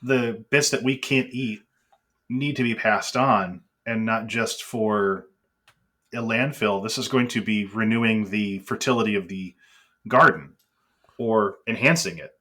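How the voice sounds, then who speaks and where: A man's voice: on the low side, measured pace, pushed and bright. Earnest man explaining on a podcast. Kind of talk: casual podcast conversation.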